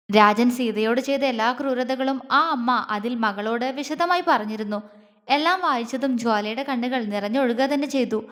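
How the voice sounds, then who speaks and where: A woman storyteller reading a serialized love story with steady, measured narration. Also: high-pitched. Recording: long reverb.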